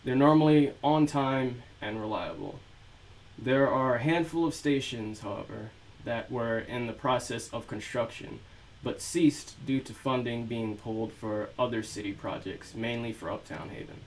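A man with an ordinary mid-range voice talks loosely, with plenty of ums and restarts. He then settles into reading his own dark action prose aloud at a steady pace. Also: medium pitch, normal speed, a little hiss or hum, poor audio. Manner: relaxed, filler-heavy chat. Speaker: author reading his novel.

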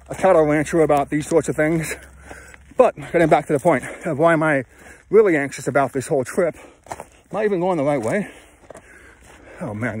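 A man's voice: a little high, darkish tone, slight background noise. Self-deprecating man vlogging on a hike. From California, USA. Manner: self-deprecating, halting, many restarts. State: sweaty from hiking. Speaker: travel vlogger. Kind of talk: rambling walk-and-talk vlog. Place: outdoors on open hills. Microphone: phone held at arm's length.

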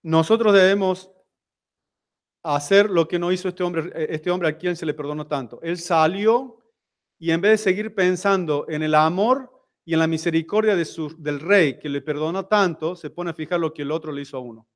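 Rioplatense guy preaching in church, kinda high voice, casual, keeps asking the crowd questions. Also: moderate pace. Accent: Rioplatense Spanish. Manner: talks to the congregation with frequent rhetorical questions. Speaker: seminar speaker at a church. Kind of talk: conversational sermon.

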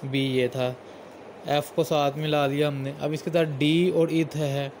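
Slow, patient man teaching shorthand strokes. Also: on the high side, level tone, darkish tone, a little hiss or hum. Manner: slow, patient, repeats each stroke aloud. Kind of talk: step-by-step lesson while writing.

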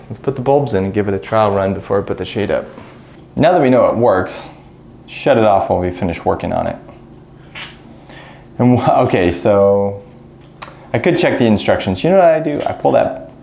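A man in his thirties, an electrician, explains each step while he installs a ceiling light, in a relaxed, practical way. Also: fairly low pitch, gravelly, a little hiss or hum. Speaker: electrician instructor. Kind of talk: hands-on how-to narration. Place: small room in a house, indoors.

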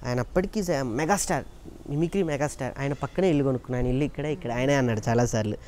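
A man's voice: medium pitch, fast talker, slight background noise. Earnest man telling stories in an interview. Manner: earnest, animated storytelling that acts out quoted voices. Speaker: interview guest, mimicry artist. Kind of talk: casual interview talk.

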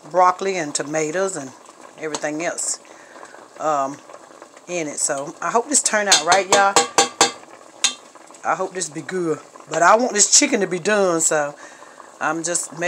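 A home cook vlogger talks her way through a cooking video in her kitchen, chatty and homey, repeatedly calling out "y'all" to viewers. Her voice is low and a bit bright, recorded on a phone camera held over the pot, giving noisy audio with clinking pots and utensils.

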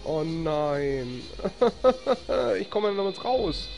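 A gravelly, mid-range voice with a German accent delivers very slow let's-play commentary on a live stream. He is excitable, cheering and laughing often and grumbling when the game gets stuck, with faint music in the background.

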